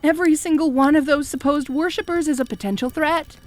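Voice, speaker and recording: A woman playing a fanatical, jealous cult high priestess in an audio role-play, fawning and pleading with stammering devotion. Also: brisk, darkish tone, lightly acted. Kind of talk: scripted audio role-play addressed to the listener.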